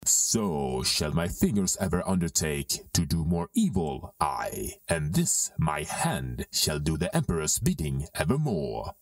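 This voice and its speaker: A menacing, commanding dark lord speaks in a Shakespearean audio drama, brooding and heavily acted. His extremely low voice swings dramatically in pitch as he slowly declaims each archaic line of verse. The studio-quality recording has no room sound, with him set a little back, far from the mic.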